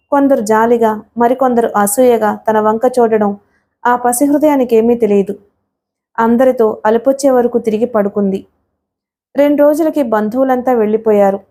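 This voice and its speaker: A woman's voice: fairly high pitch, warm tone. A woman reading a novel aloud as an audiobook narrator, telling the story steadily and speaking the characters' lines in her own voice.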